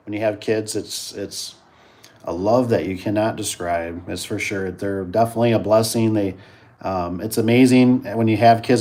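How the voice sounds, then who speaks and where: A man's voice: fairly low pitch, a little mellow. A man chatting casually as host of a live stream, rambling and repeating himself while reacting to viewers.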